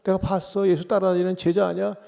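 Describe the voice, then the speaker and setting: A man voicing a brash young servant girl who keeps accusing someone, in a shrill, insistent way. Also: flat delivery, fairly quick, vocal fry, mellow, long reverb tail.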